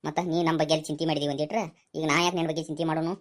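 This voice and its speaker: Lady doing a low-voiced village guy who's always coaxing, north karnataka accent, talks quick. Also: flat delivery, close to an everyday voice. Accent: North Karnataka Kannada. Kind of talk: comic village skit.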